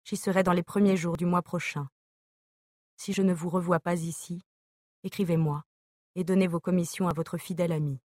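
Brief: woman audiobook reader, measured letter reading, lowish voice, dry close sound. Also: steady tone, darkish tone, dry recording. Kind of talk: reading an epistolary novel aloud.

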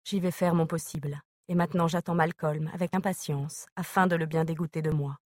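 A woman reading a novel aloud as narrator, in a measured, even manner. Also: deep voice, no room sound, studio quality. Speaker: audiobook narrator.

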